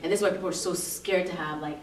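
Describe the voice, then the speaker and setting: A woman's voice: fairly low pitch, fairly even intonation. A woman hosting an interview, talking through questions about money in a casual chat. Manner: talks quickly, leading questions. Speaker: host. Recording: roomy, distant mic, faint noise.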